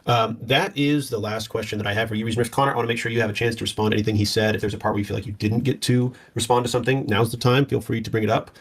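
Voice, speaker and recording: A man's voice: lowish voice, flat delivery, racing, hardly any pauses, breathy edge. A man moderating a debate and pushing the guests for direct answers.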